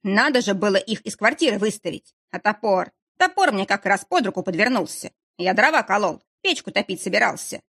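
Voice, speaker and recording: Woman reading gruff middle-aged man, blunt, drawling, slightly husky, audiobook. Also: medium pitch, expressive, fairly quick, few pauses, a bit bright, heavily acted. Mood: irritated.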